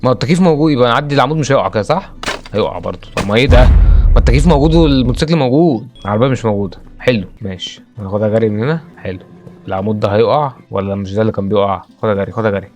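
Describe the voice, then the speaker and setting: A man's voice: fairly low pitch, rapid-fire, darkish tone, faint music behind. A young Egyptian man with an Egyptian accent, commentating his own gameplay, frustrated and repeating himself as he talks through each move. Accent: Egyptian Arabic. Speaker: gaming YouTuber.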